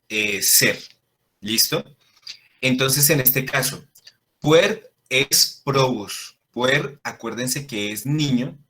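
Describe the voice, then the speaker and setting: A man teaches a Latin class, explaining things patiently and frequently asking his students questions to check in. His voice is medium-pitched and bright, with a forceful tone.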